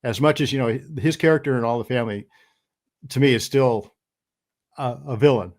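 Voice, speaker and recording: A man's voice: mid-range voice, normal speed, a little mellow. A man who is a guest on a podcast, giving his opinions in earnest, conversational talk with fillers. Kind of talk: casual conversation.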